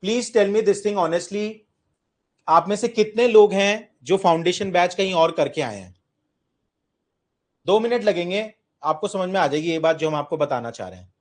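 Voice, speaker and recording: A man's voice: sits high, animated, normal speed. A man with an Indian accent giving an orientation talk to exam students in a classroom, mixing Hindi and English and asking the class questions. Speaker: UPSC coaching teacher.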